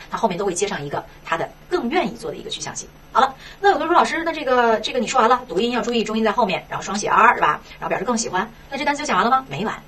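A woman teaching an English textbook lesson in Mandarin, asking herself questions and tagging many lines with a quick "right?". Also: medium pitch, recorded from a distance, a little hiss or hum. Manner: lively, rhetorical questions, frequent "是吧".

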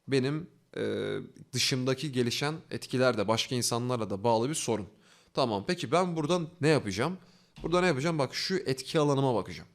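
A man teaching a self-development lesson, walking through steps by asking himself questions and answering them, with an earnest, coaxing delivery. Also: medium pitch. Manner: fast, earnest, coaxing delivery with rising emphasis. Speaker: online self-development instructor. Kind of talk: instructional talk.

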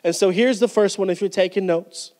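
This pastor, in his thirties, preaches emphatically into a handheld mic from a church stage, frequently starting over and gesturing as he talks. His voice sits high and sounds a little mellow, moving a little fast. Long reverb from the medium-sized indoor hall surrounds him.

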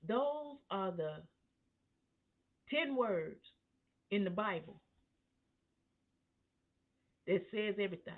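A woman pastor preaching at a Bible study, in a slow, emphatic cadence that rises to fervent peaks. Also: mid-range voice, animated. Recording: tinny phone-line sound.

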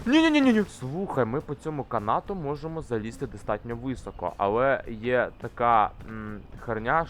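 A young man commenting casually on a climbing game he plays, swearing often and shouting when things go wrong. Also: mid-range voice. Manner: swears constantly, shouts in frustration while climbing. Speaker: gamer. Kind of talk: casual let's-play commentary. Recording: faint game music behind.

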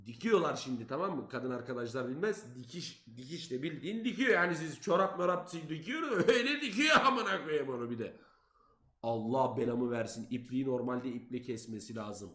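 A young man telling a story to his stream chat in a casual, animated, profane way, loudly acting out his own lines. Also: mid-range voice, brisk. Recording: roomy echo.

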